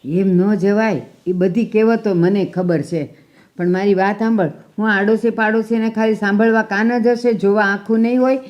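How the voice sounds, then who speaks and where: A woman's voice: medium pitch, steady tone, moderate pace, a little mellow, lightly acted. A woman acting a stubborn older grandmother who scolds and defends her quarrel with the neighbour, in a family drama. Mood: indignant. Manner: indignant, scolding. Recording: dull, muffled sound.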